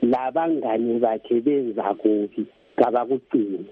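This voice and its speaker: A man's voice: mid-range voice, measured pace, slightly rough. A man with a Zimbabwean Ndebele accent, close to Zulu, calling a radio phone-in over a telephone to give his political opinion. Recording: tinny, narrow phone line.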